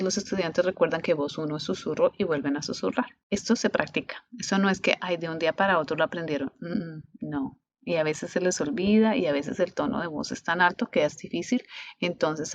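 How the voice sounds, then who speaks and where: Latin American woman teacher, low voice, patient restarts, dull lo-fi recording. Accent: Latin American Spanish. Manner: unhurried, with frequent restarts. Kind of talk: explanatory teaching talk.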